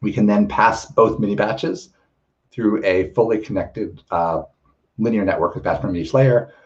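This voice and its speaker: Male lecturer, very low voice, slightly hoarse, halting explanatory delivery, dull lo-fi recording. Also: steady tone. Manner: frequent ums and restarts, explanatory. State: slightly losing his voice. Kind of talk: technical lecture.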